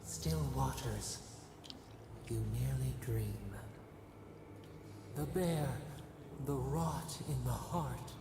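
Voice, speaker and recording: A gravelly, echoing spirit. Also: mid-range voice, heavily acted. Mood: ominous. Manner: slow, cryptic, speaks as "we". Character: eerie plural spirit voice, ancient and mournful. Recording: echoey game audio with noise.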